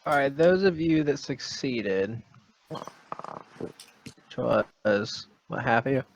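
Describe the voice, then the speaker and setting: A man's voice: mid-range voice, lively intonation, takes it slowly, slight background noise. A man running a tabletop horror game as game master, narrating in a hesitant, rambling way full of ums, on a dull lo-fi recording.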